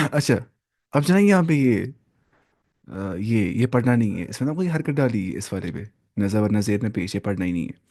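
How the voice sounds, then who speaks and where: A man's voice: fairly low pitch, very animated, vocal fry, a little mellow. Man teaching Quran reading, letter by letter. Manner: spells out letters and vowel marks slowly, then blends them; asks and answers his own questions, checks understanding. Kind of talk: live online Quran reading lesson.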